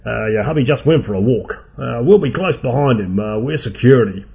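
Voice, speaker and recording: Bloke doing a loud brash aussie merc, big bull-necked guy, blustery, gravelly, tinny audio. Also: medium pitch, animated, brisk. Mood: blustering. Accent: Australian. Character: big, bull-necked, rough Australian mercenary man.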